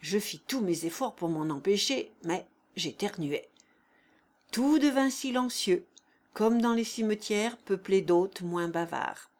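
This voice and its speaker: A woman narrating a story as an audiobook, in an expressive, measured way. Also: mid-range voice.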